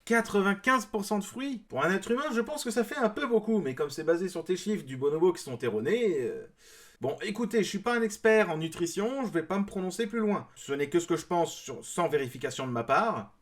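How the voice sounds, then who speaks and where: Male creator, bright high voice, explanatory and dryly sarcastic rebuttal commentary. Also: animated, brisk. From France. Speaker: video creator responding to a clip.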